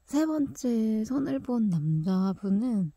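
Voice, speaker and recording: Young woman, husky mellow voice, chatty storytelling, laughs often, whispered asides, dry close mic. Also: on the high side, lively intonation, takes it slowly, no echo. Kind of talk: casual personal storytelling.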